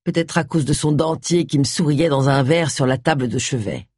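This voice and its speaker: A man's voice: on the high side, normal speed, a little mellow, husky, no echo, studio quality. A reader voicing a smug, genteel man who talks in a mocking, amiable way with a sinister edge.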